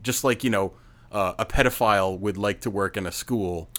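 Low-voiced guy cohosting a podcast, cracks quick jokes. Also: fairly bright tone. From French-Canadian descent. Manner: wisecracking, quick quips. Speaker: podcast co-host. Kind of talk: casual chat.

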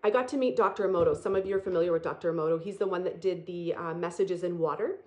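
A woman's voice: lowish voice, darkish tone. Woman, spiritual speaker, earnest and emphatic, repetitive motivational delivery. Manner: earnest, repetitive, emphatic and slow on key phrases.

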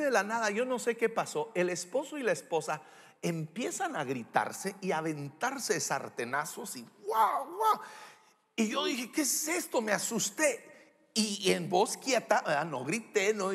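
A man preaching a sermon as pastor, animated, with rhetorical questions and humorous asides. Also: sits high. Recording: echoey hall reverb.

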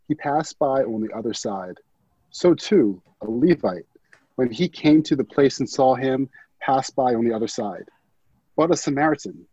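A man from Baltimore, a panel guest, reading scripture in a steady voice and then chatting casually. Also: medium pitch, husky, no echo, muffled recording. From Baltimore, Maryland.

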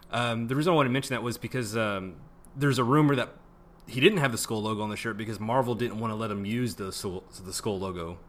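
Brief: easygoing male co-host, bright clear voice, hesitant with many fillers. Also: on the low side, brisk. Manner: laid-back, hesitant, many ums. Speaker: podcast co-host. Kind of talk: casual chat.

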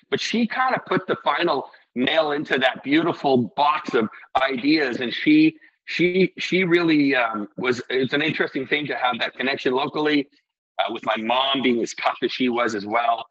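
Husky middle-aged man, rambling and earnest. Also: mid-range voice, moderate pace, fairly bright tone, lo-fi sound. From Iceland. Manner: rambling, restarts often, earnest. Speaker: restaurant and brewery owner. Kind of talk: casual interview talk.

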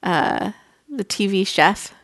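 A woman's voice: mid-range voice, animated, slow pace, no echo, clean studio sound. A young woman co-hosting a podcast in casual chat, talking loosely with many fillers and laughing often. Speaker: podcast co-host.

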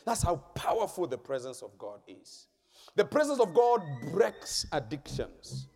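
Man, preacher, emphatic and repetitive, fairly high voice, long church-hall reverb. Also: big pitch swings, unhurried, creaky, slight background noise. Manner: emphatic, repetitive preaching with sudden loud peaks. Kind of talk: sermon.

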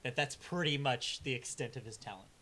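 A music review co-host talks briskly in a sharp, mid-range voice during a casual album review chat. He's laid-back and hesitant, full of filler sounds, and hands out blunt, dry verdicts.

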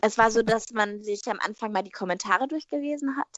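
Woman, actress guest, lively storyteller who acts out quotes, dry close sound. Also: fairly high pitch, a little fast, dry recording, lo-fi sound. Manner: animated storytelling, acting out her own quotes; frequent tag questions. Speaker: actress on a TV series. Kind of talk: casual interview chat.

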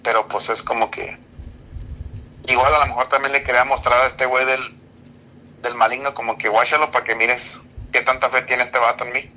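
A man's voice: mid-range voice, level tone, brisk, bright, forceful tone, rough recording. A man hosting a casual podcast chat, slangy and loose, dropping a casual filler into nearly every phrase. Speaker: podcast host.

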